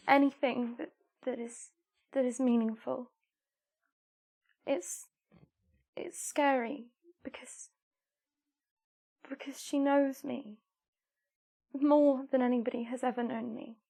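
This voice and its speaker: A woman playing a shy, anxious young lady of the Regency era, stammering and halting. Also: high voice, fairly even intonation, vocal fry, mellow, exaggerated voice. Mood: nervous. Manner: hesitant, stammering, halting restarts.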